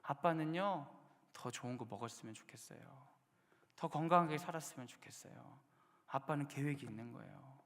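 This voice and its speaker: A man in his thirties, a pastor preaching a sermon in a church sanctuary, with sudden loud bursts and hushed low endings. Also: normal speed. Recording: long hall reverb.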